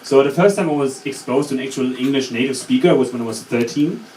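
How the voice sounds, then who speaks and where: A young man in his twenties with a German accent, a native German speaker doing open mic stand-up with a deadpan, halting, self-deprecating delivery. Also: mid-range voice. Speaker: stand-up comedian. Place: college open mic venue with audience. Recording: roomy, distant, noisy audience recording.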